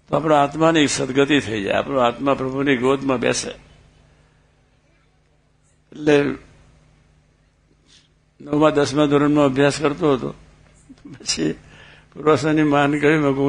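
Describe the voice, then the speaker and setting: A religious speaker with a fairly high, gravelly voice delivers a storytelling sermon. He tells personal anecdotes, acting out the dialogue in quotes, and asks the audience questions.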